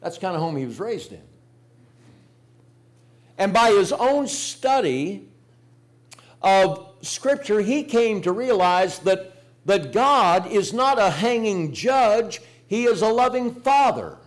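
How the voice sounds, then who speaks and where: Older male pastor, slightly high-pitched, warm folksy sermon delivery with emphatic peaks. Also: expressive, slow. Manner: folksy storytelling with emphatic rises.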